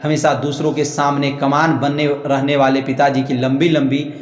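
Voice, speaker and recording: A man's voice: medium pitch, flat delivery, normal speed. A man with a Bihari Hindi accent teaching students a literature chapter, reading passages aloud and then explaining them in simple words. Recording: echoey room with long reverb.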